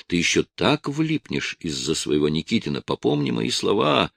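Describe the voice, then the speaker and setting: A man reading an audiobook voices a bitter, nagging middle-aged wife who scolds in a shrill, raised voice. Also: sing-song, moderate pace, gravelly, fairly bright tone, no echo, heavily acted. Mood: scolding.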